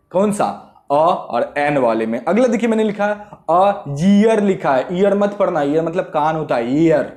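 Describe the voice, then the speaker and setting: A young man teaching English grammar to students, lively and repetitive, often checking whether they understood. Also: fairly high pitch. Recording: echoey room.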